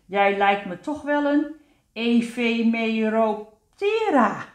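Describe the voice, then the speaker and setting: A woman's voice: fairly high pitch, lively intonation, slow, roomy sound, voice pushed up. A woman voicing a very old, absent-minded male fern with a fussy, doting manner.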